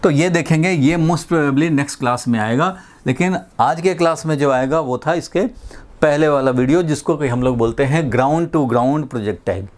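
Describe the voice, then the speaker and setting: Indian physics teacher with a higher voice. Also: male voice. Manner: explains slowly, repeats points, asks rhetorical questions; mixes English terms into Hindi speech. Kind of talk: classroom lecture.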